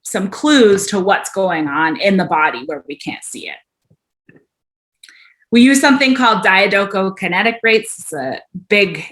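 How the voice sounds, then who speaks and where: A woman speech-language pathologist explaining clinical speech tests in a webinar lecture, with a clear teacherly manner and frequent ums. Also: on the low side, fairly bright tone.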